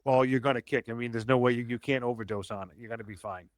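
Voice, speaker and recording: A man's voice: mid-range voice, steady tone, quick pace, dry recording. A man hosting a call-in show, talking practically and reassuringly in a casual chat. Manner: practical, reassuring, conversational with fillers. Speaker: host.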